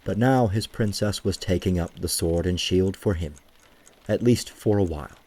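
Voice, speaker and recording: In a dark, husky tone, a man narrates a scripted audio drama story with a very low, mellow voice. He keeps his telling gentle and measured.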